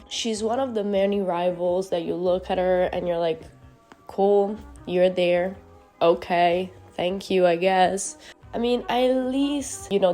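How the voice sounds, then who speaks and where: A young woman with a nasal voice from a cold, chatting casually and swearing a lot in a voiceover about her art. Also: mid-range voice. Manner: candid, swears often, rambling and animated. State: sick, nasal voice. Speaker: YouTube artist narrating a speedpaint. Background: faint background music.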